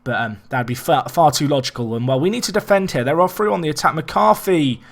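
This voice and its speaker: A let's play host, a young man with a slightly raspy, hoarse voice, commentates his own football management game in a casual, rambling way. His pitch is fairly high and his pace brisk, and he restarts often and gets excited at big chances.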